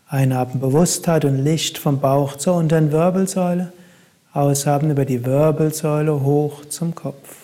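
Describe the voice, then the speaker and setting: A man guiding a meditation in a calm, soft-spoken way, with long pauses between instructions. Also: fairly high pitch. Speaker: meditation guide.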